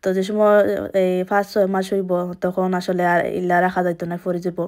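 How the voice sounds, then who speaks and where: A woman's voice: on the low side, flat delivery, brisk, a little mellow. A young woman with a Sylheti accent, chatting casually through a home vlog in her kitchen. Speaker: vlogger.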